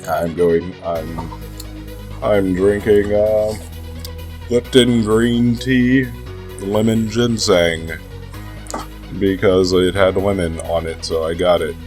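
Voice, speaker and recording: A young man with a cold and a stuffy nose vlogs about gaming over music, his low voice fairly even in intonation. He speaks slowly, with long pauses, rambling in a laid-back, hesitant way and cursing freely.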